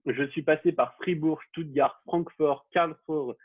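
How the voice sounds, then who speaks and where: A man runs a relaxed quiz and keeps stopping and restarting his sentences. His voice is husky and slightly high, and it comes through a dry, narrow-band line that sounds like a phone. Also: a little slow. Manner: hesitant, many fillers and restarts. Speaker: quiz host. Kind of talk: casual podcast quiz hosting.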